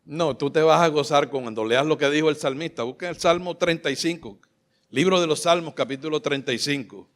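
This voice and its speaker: A man preaching a sermon, impassioned and fervent, climbing to loud exclamations and at times choked with emotion. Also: a little high, a little fast. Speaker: pastor. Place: church sanctuary.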